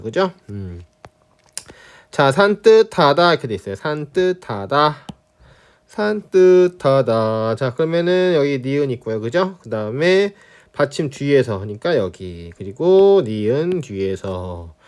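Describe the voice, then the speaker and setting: A Korean language teacher lecturing on spelling rules, repeating key phrases and checking in with students. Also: male voice, medium pitch.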